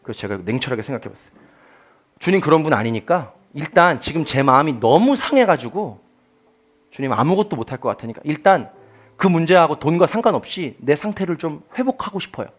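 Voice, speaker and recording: Middle-aged male pastor, lively swooping delivery, slightly high voice, shifts from hushed to loud. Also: a little fast. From South Korea. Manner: animated preaching, swinging between soft asides and loud declarations. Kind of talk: sermon.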